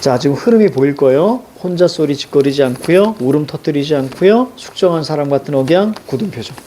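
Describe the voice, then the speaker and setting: A man's voice: on the high side, animated, fast, warm tone, slight background noise. A middle-aged male teacher explains a story to students, marking up the text and asking rhetorical questions. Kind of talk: literature lecture.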